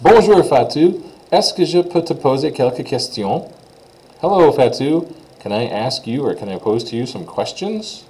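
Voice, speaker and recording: A man's voice: mid-range voice, expressive, normal speed, a little mellow, voice pushed up, close to an everyday voice, low-quality recording. A man reading the lines of a young male student interviewer for a textbook dialogue, saying each question and then translating it. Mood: inquisitive. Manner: reads questions aloud then translates them.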